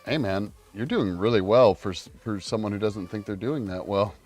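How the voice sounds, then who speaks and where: Chatty guy on a stream call, lowish voice, lots of ums, laughs a bunch, faint music in the back. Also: animated, normal speed, darkish tone. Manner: chatty, laughs often, many fillers. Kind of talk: casual chat on a livestream call. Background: faint background music.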